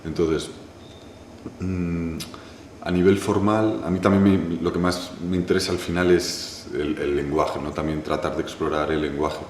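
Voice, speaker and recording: A man from Galicia, a filmmaker answering an interview slowly, pausing often and adding "¿no?" to his thoughts. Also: deep voice, fairly even intonation, slight background noise. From Galicia, Spain. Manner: thoughtful, many pauses, restarts and "¿no?" tags. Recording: echoey room with faint ambience.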